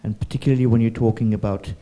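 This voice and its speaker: A man's voice: mid-range voice, fairly even intonation, rapid-fire, warm tone. A man moderating a festival panel, asking rambling, hesitant questions.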